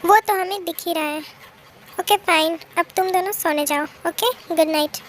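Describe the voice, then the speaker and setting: A woman's voice: very high voice, moderate pace, slight background noise. A woman voicing a stern, teasing older brother who scolds and gives orders in a fan-made drama dub. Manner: scolding, commanding.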